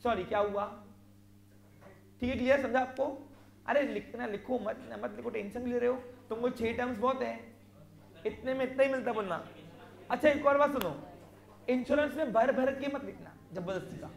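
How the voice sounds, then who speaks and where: A commerce teacher lecturing a class, asking questions and answering them, and slowly dictating definitions. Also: medium pitch, creaky, reverberant. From Maharashtra, India. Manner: quizzes students, answers own questions.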